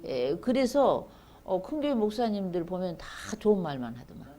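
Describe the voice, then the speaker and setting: A woman's voice: lowish voice, big pitch swings, normal speed, warm tone. A middle-aged woman giving a seminary bible lecture, chatting with students and reading scripture aloud with emphasis.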